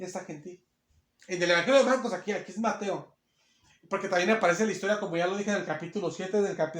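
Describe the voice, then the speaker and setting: A man's voice: high-pitched, a bit bright, echoey room. A man preaching a sermon to a congregation of women, fervent and repetitive, often calling them sisters. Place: church hall.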